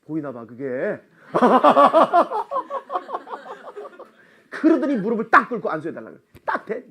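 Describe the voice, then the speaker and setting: A middle-aged man preaching at a church seminar, animated and laughing often, calling out for amens. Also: a little high, quick pace. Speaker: missionary seminar speaker. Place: church sanctuary.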